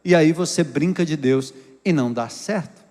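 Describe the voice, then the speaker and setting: A man, a pastor with a Brazilian Portuguese accent, preaching a sermon with rhetorical questions and sharp swings between raised and hushed delivery. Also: fairly high pitch, normal speed. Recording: long reverb of a church hall.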